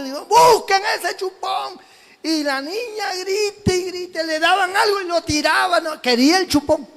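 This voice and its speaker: High-voiced fervent preacher from Peru. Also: male voice, a bit bright, long reverb tail. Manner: fervent preaching with homely storytelling, exclamations and asides to the congregation. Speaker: pastor. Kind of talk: sermon.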